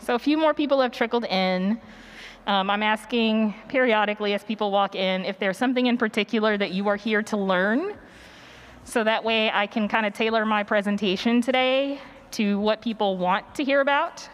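Speaking at a normal speed in a mid-range voice, this woman warms up her audience with relaxed, playful chat ahead of her workshop talk. It's a live conference session recorded on stage, with the event's ambience and noticeable background noise audible.

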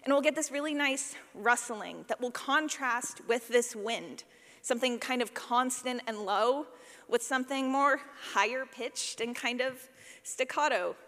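A sound designer gives a casual, conversational workshop talk in a wry, playful, self-deprecating way. Her voice is a little high and fairly bright, and she takes her time, with long hall reverb on the recording.

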